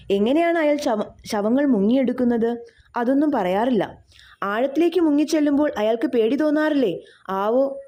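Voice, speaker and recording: A woman narrating a novel in the first person, reading in a measured, expressive way. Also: on the high side.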